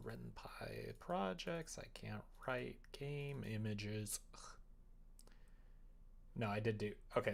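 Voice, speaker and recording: Working on a visual novel at the computer, the streamer muses casually to themselves, mumbling and letting thoughts trail away unfinished. Their mid-range voice has a gravelly texture. In the noisy room, keys clack and the mouse clicks.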